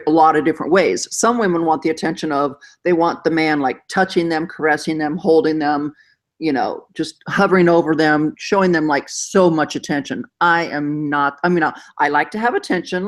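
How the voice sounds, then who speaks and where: Woman host, chatty and teasing, always giggling, easygoing talk show vibe. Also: low voice. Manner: laughs often, playful and teasing. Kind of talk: casual chat.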